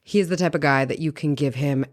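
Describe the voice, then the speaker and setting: A woman in her forties, co-hosting a podcast, telling animated stories with frequent laughter. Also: low voice, fast. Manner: animated storyteller, laughs often. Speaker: podcast co-host. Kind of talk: casual chat.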